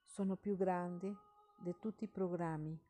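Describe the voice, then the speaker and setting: Female meditation guide, mellow and lowish, very unhurried, soft breathy delivery with measured phrases. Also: fairly even intonation. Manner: measured, pausing between short phrases. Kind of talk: slow guided meditation with recited affirmations.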